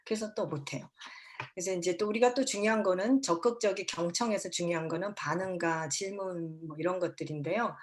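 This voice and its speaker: A woman's voice: fairly low pitch, a little fast, a little hiss or hum. A middle-aged woman counselor lecturing parents, acting out parents and children in quoted lines and mixing English words into her talk.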